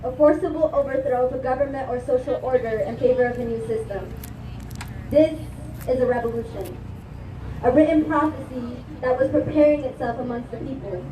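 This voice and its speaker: High-voiced young woman at a rally. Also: a little fast, dark tone. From Ethiopia. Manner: impassioned, declamatory. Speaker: student speaker at a protest rally. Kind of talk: spoken-word protest speech. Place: outdoor protest rally. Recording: echoey, distant, noisy outdoor livestream.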